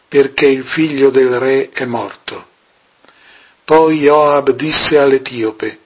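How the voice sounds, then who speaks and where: A man giving a measured, solemn scripture reading with long pauses between phrases. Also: medium pitch, husky. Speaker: scripture reader.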